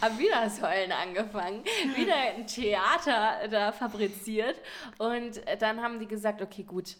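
Young woman guest chatting, kinda high voice, animated storytelling, laughs a lot. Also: normal speed. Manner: animated, laughs often while telling. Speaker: podcast guest. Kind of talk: casual storytelling chat.

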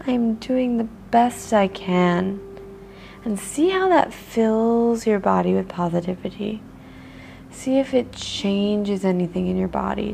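Slow, gravelly-voiced woman guiding meditation. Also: mid-range voice, a little hiss or hum. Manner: slow, soft and soothing, with breathy pauses. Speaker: meditation guide. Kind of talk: guided meditation.

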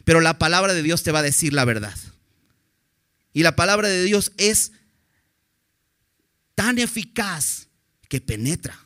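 Male preacher, fairly high voice, earnest and direct, keeps asking the congregation questions. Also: bright, forceful tone. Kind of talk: sermon.

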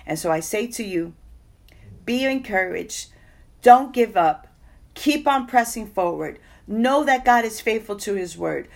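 A woman's voice: mid-range voice, lively intonation, a little slow, creaky. A woman sharing a personal testimony in a sermon, telling the story earnestly and quoting others along the way.

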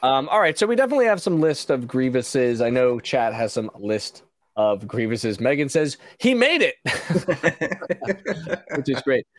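Host, male, mid-pitched, opinionated rambler, dry close sound. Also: expressive, normal speed, no echo. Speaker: podcast host. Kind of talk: casual show review chat.

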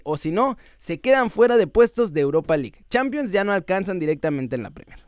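High-voiced chatty Mexican man. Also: dry recording, studio quality. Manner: chatty and slangy, addresses viewers as muchachos. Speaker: football news YouTuber. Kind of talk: casual sports vlog.

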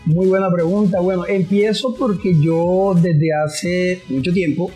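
A man's voice: high-pitched, steady tone, unhurried, dark tone, slightly rough, faint music behind. A man with a Colombian Caribbean coast accent chatting casually as an interview guest, in informal, hesitant phrasing. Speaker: interview guest, online comedy creator.

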